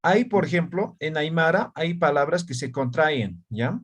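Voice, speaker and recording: A man's voice: a little high, lively intonation, measured pace, husky. A man teaching an online language class, explaining patiently and checking often that students follow.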